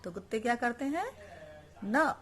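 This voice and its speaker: Slow, patient woman teaching a class. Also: on the high side, animated, a bit bright. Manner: explains each word slowly, then repeats it; asks the class questions and answers them herself. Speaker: Sanskrit teacher. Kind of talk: online class lesson.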